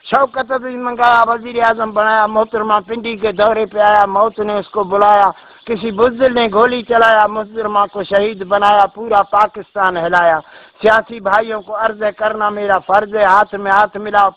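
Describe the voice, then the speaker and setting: A police constable from Balochistan, Pakistan, reciting a long rhyming verse in a steady sing-song chant. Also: male voice, high voice. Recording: dull lo-fi amateur recording.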